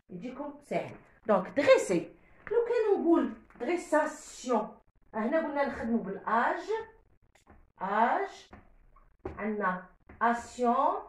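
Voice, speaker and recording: A woman teaching a French grammar lesson step by step, switching between Arabic and French. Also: fairly high pitch. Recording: echoey room.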